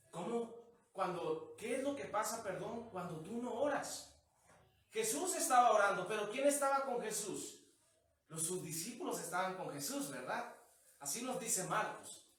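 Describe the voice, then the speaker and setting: A man's voice: sits high, fairly bright tone. A man preaching a chatty online sermon, full of rhetorical questions. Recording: very echoey room, mic at a distance.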